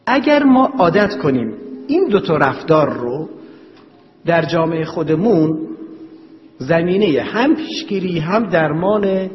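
A man with a slightly high voice lectures on traditional medicine, working through numbered points and answering his own rhetorical questions. The recording is dull and muffled, with a long reverb from a large hall.

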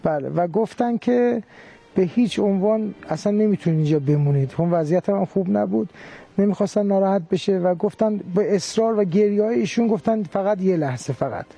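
Male guest, high and gravelly, hesitant testimony. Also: dark tone. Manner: hesitant, measured, with many pauses and fillers. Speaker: guest recounting a near-death experience. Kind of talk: interview testimony.

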